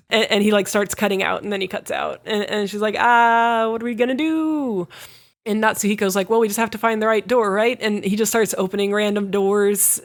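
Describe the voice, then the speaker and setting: Animated young woman recapping a story. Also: mid-range voice. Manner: animated storytelling with quick voiced asides and swearing. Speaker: podcast co-host recapping an anime. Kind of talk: casual chat.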